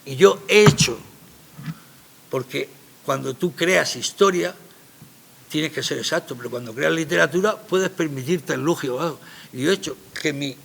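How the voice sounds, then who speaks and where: A man's voice: fairly high pitch, moderate pace, vocal fry, long pauses, fairly bright tone, breathy edge. A man, a playwright talking about his play in a radio interview, emphatic and rambling in a colloquial way.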